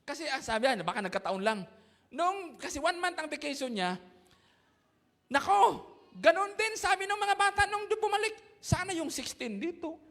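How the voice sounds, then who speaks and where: Filipino pastor guy, super high voice, joking sermon story, big church echo. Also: very animated, normal speed, a bit bright. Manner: storytelling with jokes, acts out voices, laughs along. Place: church sanctuary. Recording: long church reverb.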